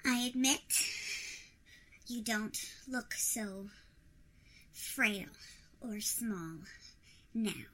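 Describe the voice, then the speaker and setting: A woman's voice: a little high, extremely slow, pauses often, a bit bright, exaggerated voice. A woman voicing a shrunken queen who protests imperiously and indignantly at her captor. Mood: defiant.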